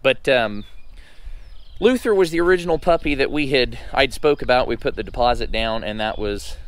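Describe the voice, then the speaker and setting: Still getting his voice back, a man who owns a truck and vlogs sounds slightly hoarse in this casual update. His delivery is folksy, halting, and unhurried, at a medium pitch.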